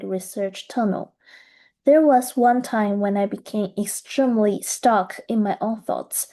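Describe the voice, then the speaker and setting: A young woman from Taiwan giving a measured, earnest presentation about her graduate studies. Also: medium pitch, warm tone. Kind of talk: scripted presentation.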